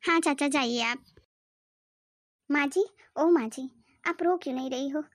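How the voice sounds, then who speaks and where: A woman doing a squeaky, sharp-tongued young daughter-in-law. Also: unhurried, dry recording, clean studio sound. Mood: bossy. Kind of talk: cartoon voice acting.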